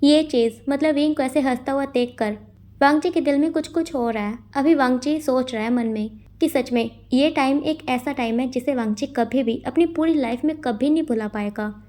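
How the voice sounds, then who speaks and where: A woman narrating a storybook in a conversational, animated retelling. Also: high-pitched, moderate pace. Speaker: fanfiction storyteller.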